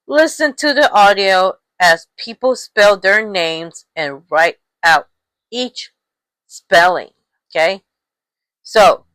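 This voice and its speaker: A woman's voice: medium pitch, a bit bright, dry recording, poor audio. A young adult woman teaching English letter sounds, repeating each one patiently and checking in with "okay?". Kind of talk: slow instructional talk on letter sounds.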